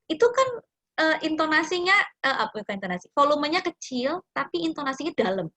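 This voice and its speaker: A woman psychology practitioner talking casually to a youth group, animated and acting out quoted speech. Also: high voice, fast. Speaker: guest speaker, psychology practitioner.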